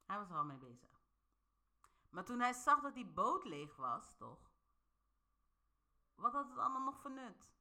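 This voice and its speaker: A woman's voice: fairly high pitch, very animated, measured pace, pauses often, pushed and bright. A woman talking straight to her viewers in a playful, casual monologue, often laughing and checking they follow her. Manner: playful, laughs often, asks the listener questions. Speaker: vlogger.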